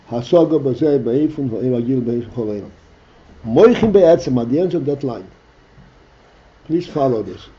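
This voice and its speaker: A man teaching a text study class, reading Hebrew phrases aloud and explaining them slowly in English, stopping now and then to clear his throat. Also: mid-range voice, warm tone, lo-fi sound, slight background noise.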